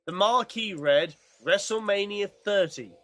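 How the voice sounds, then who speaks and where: A man's voice: sits high, measured pace, fairly bright tone, dry recording. A man co-hosting a podcast, playfully reading a comic story aloud. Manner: playful, does accents. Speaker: podcast co-host.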